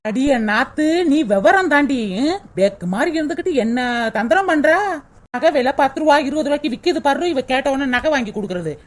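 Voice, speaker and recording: A woman's voice: high-pitched, lively intonation, fairly quick. A woman voicing a put-upon young daughter-in-law in a cartoon, grumbling and plaintive. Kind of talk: cartoon voice acting.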